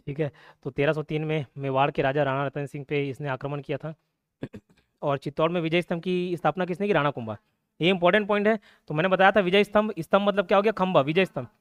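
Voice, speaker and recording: Male exam tutor, young, raised voice pitch, dry close sound, playful mnemonic style, constant check-ins. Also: no room sound. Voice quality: chatty, repeats check-ins like "okay" and "clear". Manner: playful mnemonics, laughs at own jokes. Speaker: exam coaching teacher. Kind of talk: casual classroom lecture.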